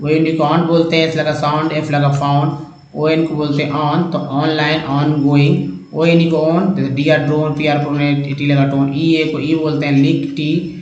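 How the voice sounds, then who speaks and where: A man teaching English reading in a spoken lesson, spelling out letters and sounding out word parts slowly, calling his viewers friends. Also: a little high, little pitch movement, a little mellow. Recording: echoey room, dull lo-fi sound.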